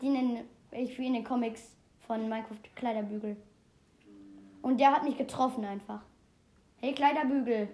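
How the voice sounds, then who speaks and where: A woman chatting excitedly while playing a video game, exclaiming often and rambling between facts. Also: fairly high pitch, moderate pace. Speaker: game player. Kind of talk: casual gameplay commentary.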